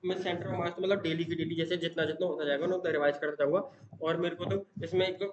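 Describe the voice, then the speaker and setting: A young man, a student, chatting casually in a daily study vlog, rambling with many fillers and tag questions and saying he talks fast. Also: on the high side, level tone, crowd noise. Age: young adult. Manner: says he talks fast, in one breath. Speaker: exam student vlogger. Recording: echoey room, dull sound, noisy background.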